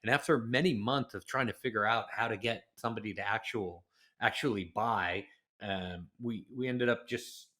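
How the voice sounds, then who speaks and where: A man from Los Angeles, a podcast guest, telling animated anecdotes and jumping into acted-out quotes. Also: fairly low pitch, moderate pace. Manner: lively storyteller who acts out quotes. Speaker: interview guest. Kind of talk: podcast interview.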